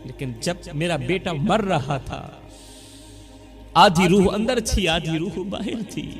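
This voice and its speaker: A man's voice: high-pitched, lively intonation, slow pace. A man preaching an emotional sermon story in a dramatic, impassioned way. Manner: impassioned, dramatic, rising to cries. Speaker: religious preacher. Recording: music playing under the voice.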